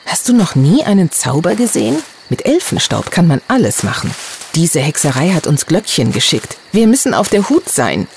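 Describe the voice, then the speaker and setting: A reader voicing a small, grumpy and fearful female elf who scolds and warns in a high, piping voice. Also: big pitch swings, moderate pace, hardly any pauses, darkish tone, slight background noise. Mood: lecturing. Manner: bossy, scolding.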